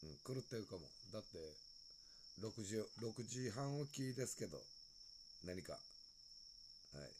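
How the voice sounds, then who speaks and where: Kansai man, casual late-night phone streamer, lowish voice with a lot of swing, chatty and easygoing, faint crickets behind. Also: sing-song, takes it slowly, long pauses, noisy background. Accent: Kansai Japanese. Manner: loose and chatty, greeting viewers and laughing often. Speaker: live streamer.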